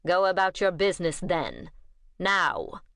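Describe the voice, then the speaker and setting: A cold, imperious old vampire lord snaps out clipped commands in a lowish, dry voice, as a woman narrator reads him. The tone is flat and clipped, suited to a storybook. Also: a little slow, dry recording, heavily acted.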